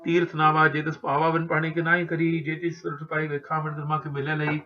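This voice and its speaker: A man with a Punjabi accent reciting Sikh scripture in a steady chant, pausing to instruct the congregation earnestly. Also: a little high. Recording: dull lo-fi recording.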